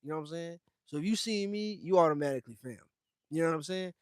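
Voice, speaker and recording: Young man, from the United States, casual livestream rant, slangy, emphatic, calls viewers fam, slightly high voice, dry close sound. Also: lively intonation, quick pace, no room sound. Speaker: streamer talking to viewers.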